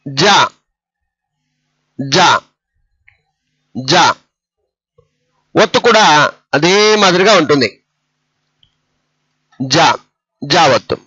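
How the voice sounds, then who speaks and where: A man's voice: fairly high pitch, expressive, very slow, long pauses, bright, forceful tone, husky, dry recording, muffled recording. A man teaching a step-by-step lesson on writing letters, patient and repeating each letter. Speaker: Telugu script teacher.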